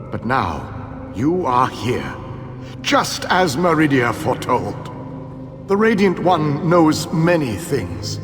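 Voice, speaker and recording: An actor playing a proud, ancient imprisoned elven king in a fantasy game, speaking with grandiose self-assurance and theatrical pauses. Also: on the high side. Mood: wry, weary. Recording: long hall reverb, music underneath.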